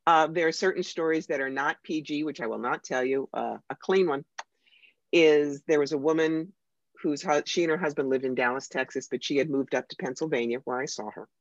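An American psychic medium, interviewed as a guest, tells stories in an animated, emphatic and wry way. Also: mid-range voice, brisk, dry recording. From United States. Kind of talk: conversational interview storytelling. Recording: dry, slightly dull lo-fi sound.

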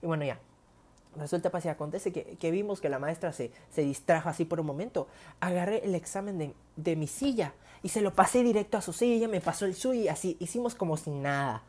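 A woman's voice: on the low side, quick pace. A young woman with a Mexican Spanish accent, casually telling stories to her viewers in a chatty, slang-heavy way. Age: young adult. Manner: chatty, slangy, animated retelling with whispered asides. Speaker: vlogger. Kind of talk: casual storytelling to camera.

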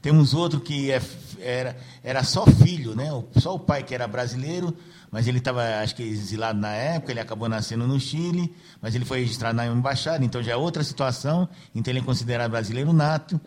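A radio host chats casually, tacking "né" onto nearly every phrase to seek agreement and leaning heavily on fillers. His mid-range voice is fast and a little mellow.

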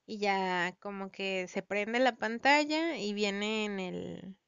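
A woman with a Mexican Spanish accent chats to her viewers, retelling a plot in loose, slangy, rambling speech with plenty of fillers. Her voice is very smooth and resonant. The recording is dry and a bit dull, like lo-fi home audio. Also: medium pitch, slow, a bit bright, no room sound. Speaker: vlogger recounting a story.

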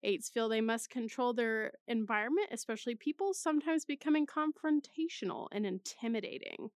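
A woman's voice: a little high, fairly quick, no room sound, studio quality. A young woman in college reading personality test results aloud in a casual way, with chatty, self-mocking asides. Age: young adult. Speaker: vlogger.

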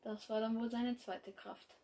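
Young woman reading her fan story out loud, slow and chatty, trips over words now and then. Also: fairly high pitch, little pitch movement, a little hiss or hum. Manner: casual, with slips and restarts.

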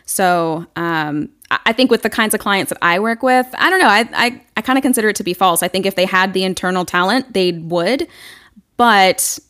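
A woman's voice: medium pitch, animated, normal speed, fairly bright tone. A woman marketing consultant who runs her own business, speaking in a candid, chatty way full of "like" and restarts as a podcast guest. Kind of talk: casual podcast interview.

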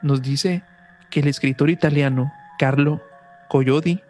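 With music running underneath, a podcast host with a Mexican accent reads aloud and chats informally, catching and fixing his own slips. His fairly high, somewhat mellow voice keeps a fairly even intonation at a measured pace.

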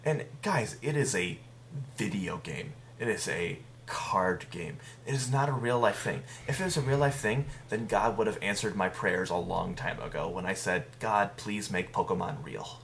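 Brief: male podcast co-host, low voice, playful casual chat. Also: normal speed, fairly bright tone, slight background noise. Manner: jokey, laughs often.

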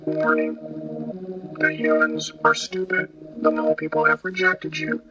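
A man voicing an eerie male messenger who gives flat, whispery, repetitive warnings, on a dull lo-fi recording. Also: fairly high pitch, a little slow, music in the background. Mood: ominous.

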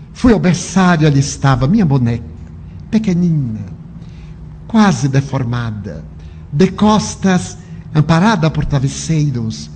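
Man, emotional storyteller, dramatic pauses, lively swooping pitch, slightly high voice. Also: a little hiss or hum. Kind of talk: dramatic first-person storytelling.

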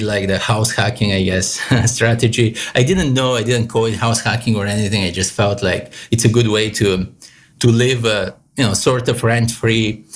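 Male guest, 30s, slightly low pitch, hesitant. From Bulgaria. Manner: hesitant, many "um" and "like". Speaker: guest, real estate investor. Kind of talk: interview answers.

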